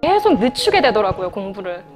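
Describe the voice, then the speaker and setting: A woman's voice: medium pitch, big pitch swings, fairly quick. A woman in her thirties, a classical and gospel singer, answering interview questions in an earnest, candid way and laughing often. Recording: music bed under the voice. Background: soft instrumental music.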